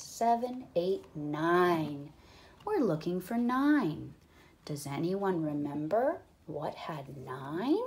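Slow, lively woman teacher counting aloud. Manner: slow, sing-song counting with playful whispers and excited pitch jumps. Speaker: teacher reading to young children. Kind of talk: counting read-aloud lesson.

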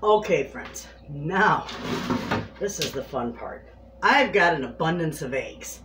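In her echoey home kitchen, with clear background noise, a homesteading cooking vlogger chats homily to viewers while prepping food. She has a low, expressive voice and speaks slowly, casual and homey as she talks straight to the camera.

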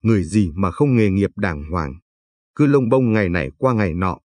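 A man's voice: low voice, lively intonation, normal speed, darkish tone, no room sound. Man reading as a snappish young village woman. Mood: sulky. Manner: scolding, snappish. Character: grumpy young village woman, sharp-tongued.

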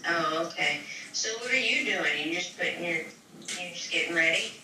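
A woman's voice: lowish voice, animated, normal speed, pushed and bright. A woman chatting casually on a phone call, heard over a speakerphone, talking loosely and swearing offhandedly. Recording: echoey, distant speakerphone with background noise.

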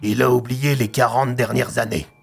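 A man's voice: mid-range voice, steady tone, normal speed, gravelly, breathy edge, soft background music. A man voicing a weary, mustached police commissioner in an audio story, speaking in a dry, matter-of-fact way. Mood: calm.

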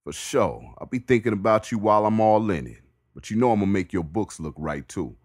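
A man's voice: lowish voice, expressive, a little fast, darkish tone, no room sound, studio quality, pitched above the performer's own voice. A man voicing a confident, muscular male inmate on his last day, talking cocky and easygoing street slang, a bit above his own voice. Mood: joking.

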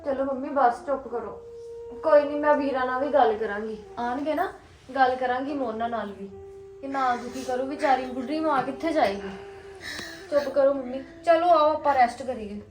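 A woman's voice: sits high, normal speed, lightly acted. Woman playing a soothing grown daughter. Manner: soothing, reassuring. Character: grown daughter comforting her old mother. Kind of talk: family drama acting. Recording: echoey room, music behind.

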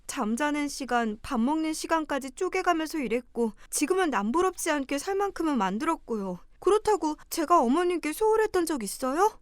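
Young daughter-in-law, voiced by a woman, polite and wounded, fairly high voice, dry close sound, for a story drama. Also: dry recording. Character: hurt, long-suffering young daughter-in-law. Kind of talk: audio drama acting.

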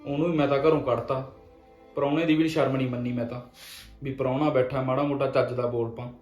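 A man's voice: medium pitch, steady tone, a little mellow, reverberant, muffled recording, faint music behind, close to an everyday voice. An actor playing a young man who pleads with his sister for forgiveness after losing his land. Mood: regretful. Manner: pleading, repentant, with many pauses. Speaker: brother.

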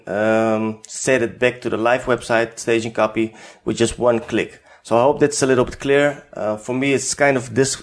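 This is an unscripted software tutorial from a man in the Netherlands whose native tongue is Dutch. He has a Dutch accent and a medium pitch, and he speaks hesitantly with lots of filler words.

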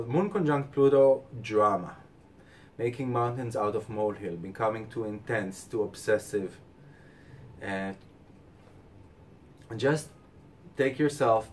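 A man with a fairly low voice hosts a weekly astrology forecast, advising calmly with fillers and restarts. He sounds short on sleep and sits some way from the mic, with a faint low rumble in the background. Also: far from the mic. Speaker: astrologer host.

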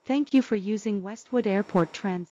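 A woman's voice announces stops on an airport shuttle train through a loudspeaker, heard from a distance in a very echoey car. The sound is dull and muffled, and the delivery is calm, even and plainly scripted. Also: medium pitch, normal speed. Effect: recorded airport train announcement over a loudspeaker. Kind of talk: automated transit announcement.

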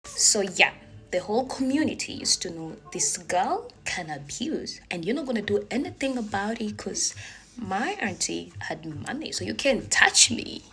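A woman's voice: mid-range voice, normal speed. A young woman in her twenties, from Congo and raised in Uganda, animatedly telling a personal story to her phone camera in a living room. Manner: animated, gesturing, laughs through story. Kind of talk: storytime vlog. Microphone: phone camera at arm's length.

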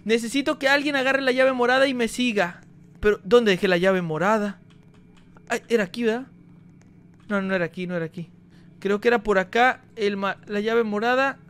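A man giving energetic gameplay commentary, talking straight to his viewers. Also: high voice, normal speed, clean tone. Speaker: gaming YouTuber.

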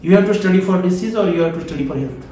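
Man, Indian accent, high voice, emphatic interactive lecture, repeated key phrases, strong room echo. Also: racing, mellow, slight background noise. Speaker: trainer, lecturer. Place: small wood-panelled indoor training room. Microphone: camera a few feet away. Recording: very echoey room, mic at a distance.

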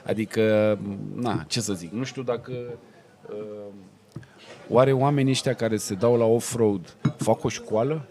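Brief: male podcast host, mid-pitched, easygoing interviewer. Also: a little mellow. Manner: brief agreeing replies and follow-up questions. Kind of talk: casual interview chat.

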